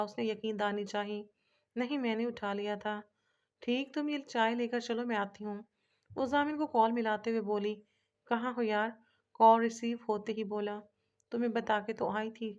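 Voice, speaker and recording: A woman's voice: mid-range voice, dull audio. A woman reading a romance novel aloud, voicing all the characters' dialogue in a lightly shifted voice. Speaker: narrator.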